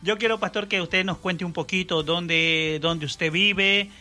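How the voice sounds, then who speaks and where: Bright-voiced radio host, full of amens. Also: male voice, high-pitched, fairly even intonation, a little slow. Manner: affirming, prompting with amens. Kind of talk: radio interview.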